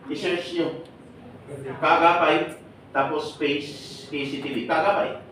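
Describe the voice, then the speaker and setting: Man addressing a crowd, quizzing and joking, slightly high voice, heavy hall echo. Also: steady tone, slow, fairly bright tone, distant mic, a little hiss or hum. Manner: exhorting, asks the audience rhetorical questions, jokes. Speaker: seminar speaker and radio broadcaster. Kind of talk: lively speech to a live audience. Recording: echoey hall, voice off-mic.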